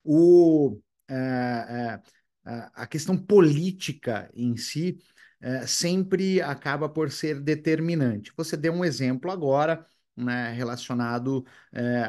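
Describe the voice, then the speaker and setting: Male interviewer, mid pitch, winding hesitant questions, many fillers. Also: a little mellow.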